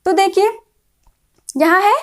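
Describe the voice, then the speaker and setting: A woman teaching a grammar lesson, explaining slowly and repeating each point, often checking whether her students follow. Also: very high voice, steady tone, poor audio. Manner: patient, repeats points, checks in with frequent "is that clear". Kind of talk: classroom lecture explaining a chart.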